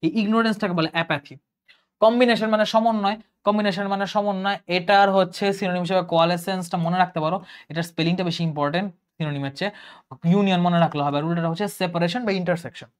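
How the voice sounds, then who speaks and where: Fast-talking man teaching vocabulary. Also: high-pitched, steady tone, clear, resonant tone. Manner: rapid, explains and repeats words, asks and answers own questions. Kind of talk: online class lecture.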